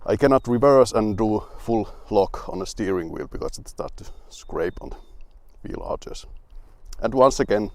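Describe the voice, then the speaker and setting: Young male car reviewer, lowish voice, dry wit, rambling and grumbly. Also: expressive, moderate pace, dry recording. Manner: rambling, with restarts and asides.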